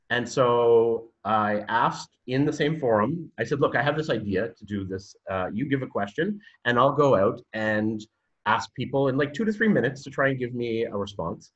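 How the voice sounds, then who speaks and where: Speaking at a medium pitch on a lo-fi recording, a university programme director from Canada appears as a podcast guest with a Canadian accent. At first he hesitates, restarting and using lots of fillers, but his energy builds as his story unfolds.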